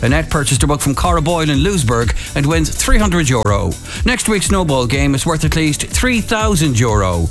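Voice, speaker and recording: A man's voice: fairly high pitch, very animated, moderate pace, hardly any pauses, soft background music. A man working as a radio bingo caller, calling out numbers digit by digit and then whole.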